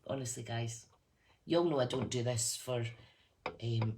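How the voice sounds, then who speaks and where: A woman's voice: a bass voice, normal speed. A woman from the west of Scotland with a Fife accent, chatting casually and informally to viewers as a craft demonstrator and team leader. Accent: Fife, Scottish. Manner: chatty, informal, addresses listeners as guys. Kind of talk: casual live chat to viewers. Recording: clearly noisy room recording.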